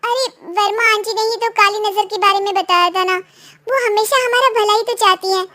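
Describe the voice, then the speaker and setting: A woman voicing a chatty, excitable young wife in a cartoon story. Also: very high voice, moderate pace, voice pushed up. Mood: defensive. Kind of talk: cartoon voice acting.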